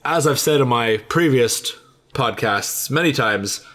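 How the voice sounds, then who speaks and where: A man's voice: mid-range voice, animated, unhurried, fairly bright tone. A man hosting a podcast in casual chat, rambling a little with fillers and restarts. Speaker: podcast host.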